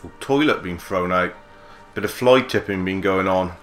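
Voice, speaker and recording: A man giving relaxed let's play commentary, musing aloud with mild swearing. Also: deep voice, moderate pace, noisy background. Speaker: gaming channel host.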